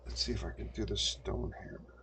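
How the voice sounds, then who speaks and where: Here an older male streamer talks to himself while gaming at a desk mic, offering casual commentary. His voice is on the low side, pushed and bright, and he moves at a brisk pace, with a slight hiss or hum audible.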